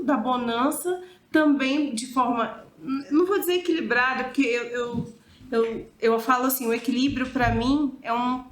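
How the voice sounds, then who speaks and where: A woman, a mother and wife, speaking thoughtfully as a guest in a casual chat, searching for words. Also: sits high. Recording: echoey room.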